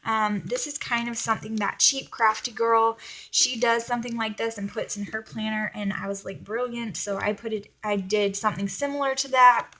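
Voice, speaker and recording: A woman's voice: on the high side, steady tone, moderate pace, sharp tone, rough recording. A woman from Alabama with a Southern US accent, chatting casually and in a rambling, self-effacing way as she hosts a planner video. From Alabama, United States. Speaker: vlogger.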